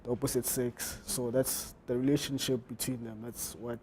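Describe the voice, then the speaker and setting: A man's voice: medium pitch, flat delivery, normal speed, a little mellow, slight background noise. A man answering interview questions about his fashion brand, hesitant and full of fillers. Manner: hesitant, many fillers and restarts. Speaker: fashion designer, interview guest.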